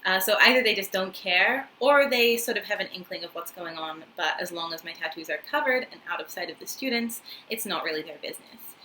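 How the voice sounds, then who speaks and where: This New Zealand vlogger in her twenties, an English teacher living in Japan, talks to the camera in a friendly, relaxed way, filling gaps with ums and uhs. She speaks on the low side, briskly and with hardly any pauses, her intonation lively and her tone sharp. It's a low-quality close-up recording with a little hiss or hum, made in a small room with wooden flooring and paper screens.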